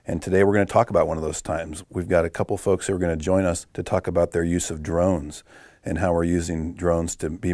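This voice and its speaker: A middle-aged man, a department director, hosts a podcast with a deep, mellow voice, recorded in clean studio sound with no echo. He is upbeat and encouraging in his host chat, dropping in lots of affirming sounds and fillers.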